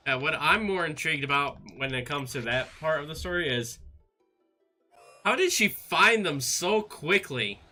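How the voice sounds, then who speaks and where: A man in a casual gaming chat, laid-back and a little hesitant, with drawn-out fillers. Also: a little high, lively intonation, sharp tone. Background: faint background music.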